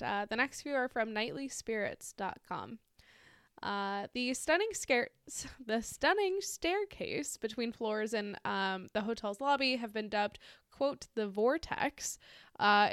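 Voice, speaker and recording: A woman's voice: on the high side, clean tone, no room sound, clean studio sound. A woman hosting a podcast, reading out ghost stories in a casual, giggly, informal way. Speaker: podcast host.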